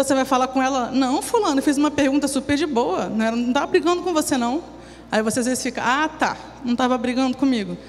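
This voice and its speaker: A woman's voice: a little high, a little mellow. A woman giving a talk at a church recovery program, explaining in a conversational way with everyday examples. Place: church hall. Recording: long hall reverb, faint hum.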